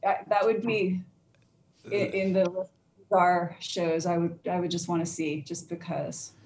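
A woman's voice: on the low side, level tone, measured pace, darkish tone, slight background noise. A woman on a discussion panel who jumps eagerly into the conversation. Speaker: panel guest. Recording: roomy echo.

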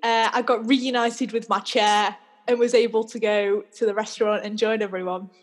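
Husky-voiced chatty woman. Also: medium pitch, moderate pace. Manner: chatty, laughs often, animated storyteller. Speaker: podcast co-host. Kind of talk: casual storytelling chat.

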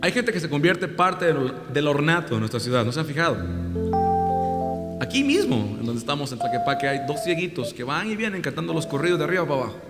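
Lively preacher in a reverberant hall. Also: male voice, a little high, quick pace, over music. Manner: animated, jokey, acts out voices in the story. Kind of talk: humorous sermon with storytelling.

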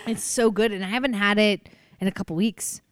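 A woman's voice: mid-range voice, fairly quick, no echo, studio quality. Playful woman podcast co-host. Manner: playful, swears casually, jokey tangents. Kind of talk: casual chat.

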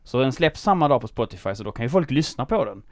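A man's voice: mid-range voice, very animated, no room sound. A man with a Skåne accent, a musician guest in casual chat, hesitant and full of fillers.

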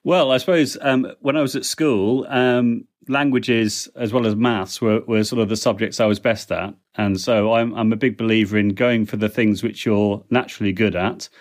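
Hardly pausing at all, a middle-aged man speaks at a moderate pace in a fairly low voice with fairly even intonation. He's a language technology consultant guesting on a podcast, answering questions in a relaxed, chatty way with frequent ums and small restarts.

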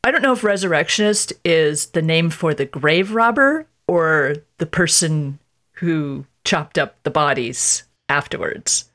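Cheerful recapper for a fan podcast, mid-range voice, quick laughs. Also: mid-range voice, fairly bright tone. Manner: recaps scenes, laughs often. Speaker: podcast host. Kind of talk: casual podcast discussion.

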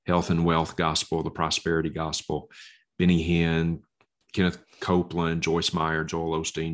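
A man from the American South speaks in a low-pitched voice with a Southern drawl. He is a preacher talking conversationally as a guest in an interview. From Mississippi, US.

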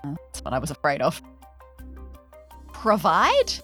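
An Australian woman guessing words on a podcast game show, quick and playful in her banter. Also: low-pitched, huge pitch swings, fairly bright tone, slightly rough, soft background music. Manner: playful, quick laughing reactions. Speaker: game contestant.

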